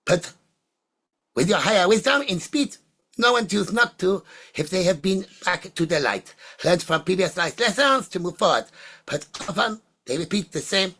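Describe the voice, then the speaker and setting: Channelling spirits at a seance, a medium speaks in a husky, mid-pitched voice whose sex is hard to tell, with a bright, forceful tone. The phrasing is halting and deliberate, splintering into brief oracular fragments as trance answers arrive.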